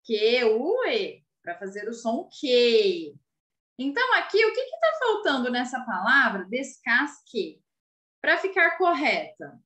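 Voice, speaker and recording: A woman's voice: high-pitched, bright, forceful tone. A woman teacher with a Brazilian Portuguese accent giving a video lesson to children, patiently spelling out and repeating words and checking that the class follows. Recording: roomy echo.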